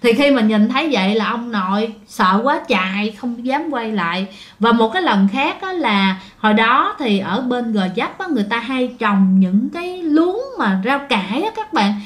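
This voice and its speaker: A woman's voice: on the high side, lively intonation, normal speed. A woman with a Southern Vietnamese accent, telling ghost stories in a chatty way and often addressing her listeners directly. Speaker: storyteller. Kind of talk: casual ghost story telling.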